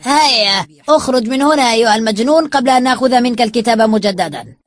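Narrator putting on a sly greedy swindler, smug and taunting, raised voice, fast storybook reading. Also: medium pitch, darkish tone, close to an everyday voice. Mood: scornful.

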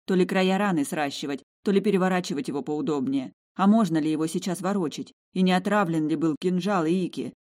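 A woman's voice: fairly low pitch, a little fast, hardly any pauses. Emotive woman reading a fantasy audiobook. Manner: emotive, expressive. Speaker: audiobook narrator. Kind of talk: first-person fantasy audiobook narration.

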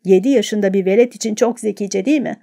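A man's voice: very high voice, normal speed. A woman doing a boastful, chatty middle-aged man. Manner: boastful, rambling, lively.

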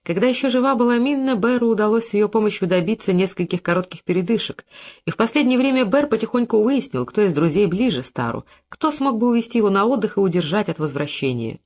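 An audiobook narrator reading literary prose in a measured, expressive way. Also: medium pitch.

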